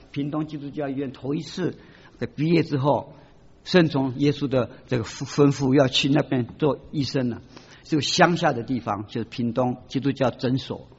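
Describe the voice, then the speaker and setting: A man preaching a sermon, emphatic and animated, acting out the people he quotes. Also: mid-range voice, normal speed, husky. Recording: dull lo-fi recording with long hall reverb.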